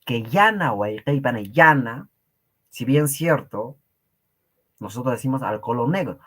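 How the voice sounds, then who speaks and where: A man's voice: medium pitch, expressive, a little slow, a bit bright. A man with a Peruvian Spanish accent teaching an online Quechua class, joking with his students and laughing often.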